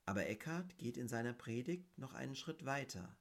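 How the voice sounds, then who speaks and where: A man giving a reflective spiritual talk on mysticism, speaking in a measured, deliberate way and reading quotations aloud. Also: medium pitch, animated. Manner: measured and deliberate, stressing key words.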